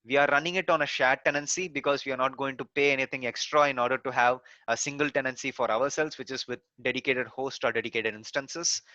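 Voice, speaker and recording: A man gives a screen-recorded technical lesson, explaining each step with frequent "so" and "uh" fillers. His voice is bright and forceful, recorded dry and close with a slightly dull, muffled tone. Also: mid-range voice, steady tone, fast, few pauses, dry recording. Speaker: course instructor.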